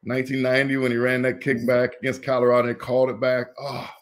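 A man in his fifties from Indianapolis, a former college football player telling stories as an interview guest, in a lively way that acts out the people he quotes. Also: medium pitch, fast. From Indianapolis, USA. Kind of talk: casual interview storytelling.

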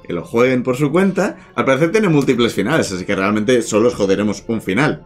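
A man with a Spain accent chats casually through a video game. His pace is quick and his pitch moves around a lot. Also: expressive, soft background music. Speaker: let's play streamer.

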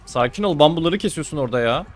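A man's voice: on the high side, expressive, rapid-fire. A man giving casual running commentary as he plays a game, teasing his opponent and grumbling when things go wrong. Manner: chatty, teasing and exasperated. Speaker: gaming streamer.

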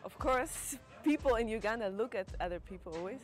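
A young Swiss actress and comedian with a Swiss German accent appears as a TV guest, talking hesitantly and searching for English words. Her voice is fairly high, animated and fairly quick. She's recorded outdoors on a terrace with a lapel mic, with faint music behind her.

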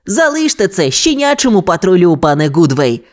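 A woman's voice: fairly low pitch, very animated, normal speed, pitched above the performer's own voice. A woman voicing a brave young boy who leads a team of rescue pups, giving upbeat, commanding calls. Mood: eager. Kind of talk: children's audio fairy tale.

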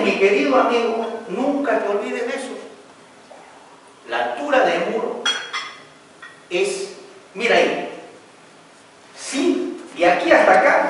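A man teaching building supervision and telling a work story, acting out a quarrel between an architect and an engineer. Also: sits high. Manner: animated storyteller, acts out quarrels. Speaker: construction instructor. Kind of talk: lecture with anecdote. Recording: echoey hall from far off, faint noise.

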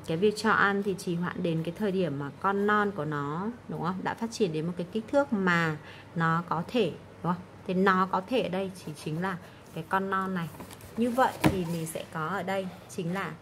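A woman's voice: fairly low pitch, normal speed, a little hiss or hum. A woman English teacher going through exam answers, explaining key words and often checking in with "right?". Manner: explanatory, frequent "đúng không?" check-ins.

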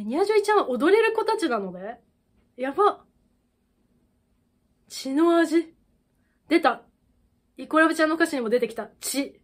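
Excitable woman reacting to a music video. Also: high-pitched. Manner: excitable, gasping exclamations. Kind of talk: casual reaction commentary.

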